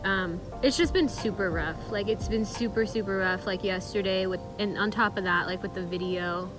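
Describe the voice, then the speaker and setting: A woman's voice: medium pitch, normal speed, rough recording. A woman co-hosting a vlog, chatting casually in informal, conversational phrasing. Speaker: vlog co-host. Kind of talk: casual couple vlog chat. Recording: background music behind speech.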